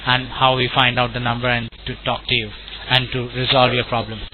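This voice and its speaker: A tinny phone line with clear noise carries an Indian-accented man. He is a call center tech support agent with a mid-pitched voice. He speaks politely and at length, repeating himself as he explains. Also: flat delivery, brisk. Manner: polite, wordy, repetitive, often saying sir and all right.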